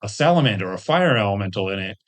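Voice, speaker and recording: A tabletop game designer and webcomic artist, guesting in a casual interview, speaks quickly and animatedly in a lowish voice. He rambles through self-deprecating anecdotes with jokey asides.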